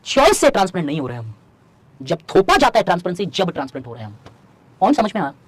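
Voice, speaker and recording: A man teaching an online exam-prep class. He talks fast, asks the students rhetorical questions, and slows right down to dictate lines for them to write. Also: high voice, huge pitch swings, breathy edge, no room sound. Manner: fast in Hindi, slow dictation in English. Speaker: civil services exam teacher.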